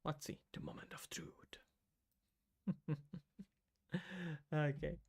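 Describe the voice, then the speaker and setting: Whispering slowly, a man from the Czech Republic streams himself building an indie game, muttering as he codes and offering offhand answers to chat. His slightly high, creaky voice swings widely in pitch, and he speaks with a Czech accent.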